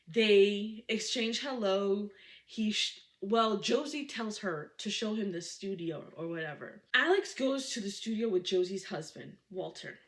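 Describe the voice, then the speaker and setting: A woman giving a casual, dramatic book recap, full of rhetorical questions. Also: mid-range voice.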